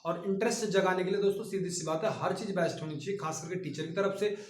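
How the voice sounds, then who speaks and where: Man, high voice, exam-prep teacher, patient explaining, roomy echo. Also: fast. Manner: explains patiently, often stops to address the listeners directly. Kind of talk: online classroom lecture.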